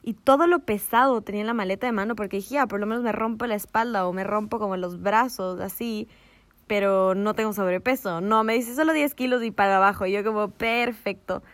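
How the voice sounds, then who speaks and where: A woman telling a story in casual chat, animated and laughing, dropping in English slang. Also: mid-range voice, brisk, dry recording.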